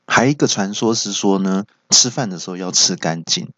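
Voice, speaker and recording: A man's voice: low-pitched, a bit bright, dry recording. A man hosting a comedy podcast, telling folk jokes. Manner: chatty, joke-telling, drawn-out pauses. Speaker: podcast host. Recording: dull lo-fi podcast recording.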